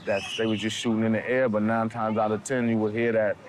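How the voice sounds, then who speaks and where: A man, answering documentary interview questions in a halting way and often repeating words. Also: fairly low pitch, level tone, slight background noise. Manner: halting, repeats words while searching for them. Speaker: interviewee, local resident.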